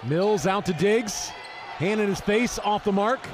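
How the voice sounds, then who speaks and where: A man giving fast live basketball commentary as play-by-play announcer, with clipped, urgent calls. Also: high-pitched. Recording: noisy arena with crowd behind. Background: crowd and bouncing basketball in arena.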